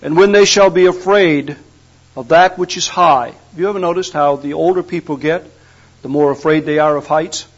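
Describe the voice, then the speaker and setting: Older male preacher, high-pitched, homespun humor, muffled lo-fi sound. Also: normal speed. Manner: folksy storytelling with humor. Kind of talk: sermon. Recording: dull lo-fi recording.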